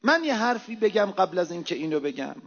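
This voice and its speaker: A man preaching an impassioned sermon, swinging between hushed low asides and loud, rising exhortations. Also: very animated. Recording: reverberant hall, dull lo-fi sound.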